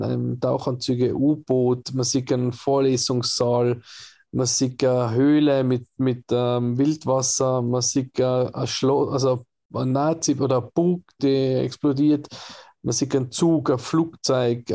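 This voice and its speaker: A man's voice: medium pitch, mellow. A man, co-hosting a casual film podcast, rambling with many fillers and restarts. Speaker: podcast co-host.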